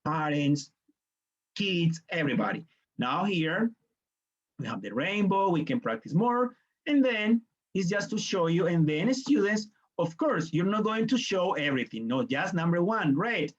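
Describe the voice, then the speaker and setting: A teacher trainer from Colombia runs an online workshop lecture, explaining things step by step in Colombian Spanish and briefly impersonating students and parents. He speaks high and very animated, yet unhurried. The audio is dull.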